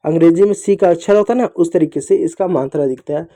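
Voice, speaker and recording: A man's voice: on the high side, fast, warm tone. A man teaching young children a lesson, patiently repeating each sound and asking and answering his own questions. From India.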